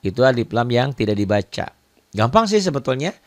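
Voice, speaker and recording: A man's voice: medium pitch, big pitch swings, fairly quick, no echo. A man with an Indonesian accent teaching beginners to read the Quran, patiently repeating each point and pointing at examples. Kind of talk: online recitation lesson.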